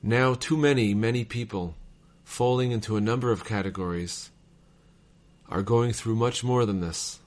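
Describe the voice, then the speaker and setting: A man reading old letters aloud in a measured, formal cadence, as a reader of devotional texts. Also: lowish voice.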